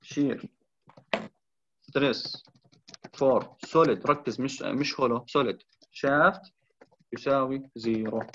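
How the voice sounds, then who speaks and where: A man's voice: mid-range voice, steady tone, measured pace, pauses often, fairly bright tone, a little hiss or hum. A man tutoring engineering, explaining a drawing, repeating key points and mixing in English terms. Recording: slightly dull lo-fi sound.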